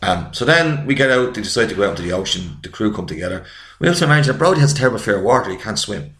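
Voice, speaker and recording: A man from Ireland co-hosting a casual film chat, eager and quick to jump in. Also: lowish voice, expressive, fairly bright tone. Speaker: podcast co-host. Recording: echoey room.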